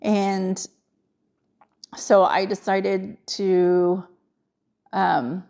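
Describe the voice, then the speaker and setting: A middle-aged woman, a nurse, telling a personal family story in a halting, emotional way with many fillers. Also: mid-range voice, little pitch movement, gravelly, darkish tone.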